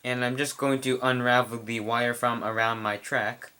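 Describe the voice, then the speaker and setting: A man casually explaining how to set up a model train address changer, chewing gum as he talks in a quiet room. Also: mid-range voice, fairly even intonation, normal speed, clear, resonant tone. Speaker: model train hobbyist reviewer. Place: quiet room at home with model track on a table.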